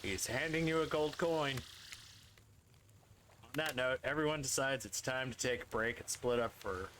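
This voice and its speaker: A man's voice: mid-range voice, a little hiss or hum. A man streaming a dating game, reading its narration aloud with wry, amused, laughing asides. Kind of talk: casual game narration and commentary. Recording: loud game music behind.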